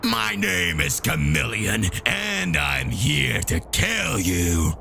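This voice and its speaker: A man voicing a dark, menacing humanoid chameleon villain from an anime story, with slow, taunting delivery. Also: mid-range voice, huge pitch swings, gravelly, faint music behind, pitched below the performer's own voice, exaggerated voice. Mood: cold threat. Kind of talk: fan-fiction anime villain voice.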